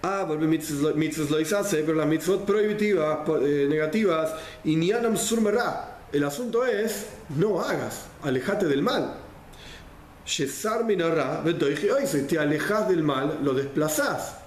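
A man with a Rioplatense Spanish accent teaches a Torah class, explaining things step by step, repeating phrases, and dropping in Hebrew and Yiddish terms. His voice is on the high side, expressive and a little slow. The recording has a roomy echo and faint background noise.

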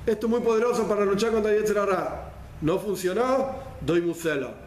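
A man's voice: high voice, quick pace, a little mellow. Rioplatense man teaching a Torah class. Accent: Rioplatense Spanish. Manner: explanatory, repeats phrases, mixes in Hebrew and Yiddish terms. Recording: roomy echo, faint background noise.

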